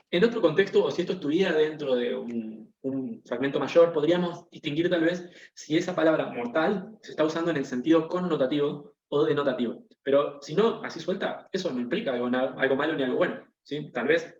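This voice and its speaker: A man's voice: on the high side, brisk, darkish tone. A man teaching an online class, explaining step by step and often checking in with the students. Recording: echoey, dull lo-fi video-call audio.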